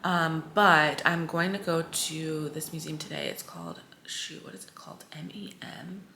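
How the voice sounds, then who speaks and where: Chatty woman with a low, gravelly voice. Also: steady tone, normal speed, sharp tone, slight background noise. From United States. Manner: rambling, chatty, full of fillers and self-corrections. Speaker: travel vlogger. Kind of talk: casual vlog chat.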